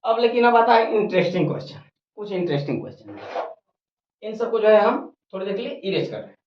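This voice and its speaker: Lively-pitched tutor teaching grammar step by step, in an echoey room on dull, lo-fi audio. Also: fast talker. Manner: repeats each point, asks questions and answers them. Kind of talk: whiteboard grammar lesson. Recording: roomy, dull lo-fi recording.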